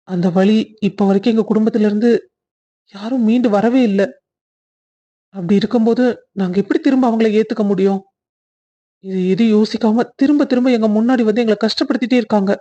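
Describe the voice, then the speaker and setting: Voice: mid-range voice, mellow, lightly acted. Actor voicing a bitter young cartoon man. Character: young man, bitter and hurt by his runaway sister. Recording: dull lo-fi audio.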